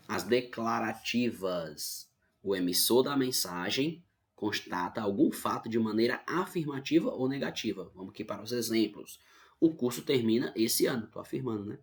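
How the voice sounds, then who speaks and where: Brazilian male teacher, low gravelly voice, patient explainer for an online class. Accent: Brazilian Portuguese. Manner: explains patiently, keeps checking with "tá bom?". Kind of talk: online grammar lesson.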